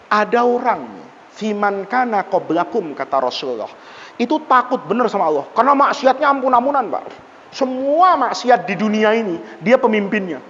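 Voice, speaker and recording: A man preaching a lively mosque sermon on a classical text, telling stories and acting out voices, often addressing his listeners directly. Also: brisk, slight background noise. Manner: animated, swings between loud exclaiming and soft low narration. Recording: dull lo-fi audio with long hall reverb.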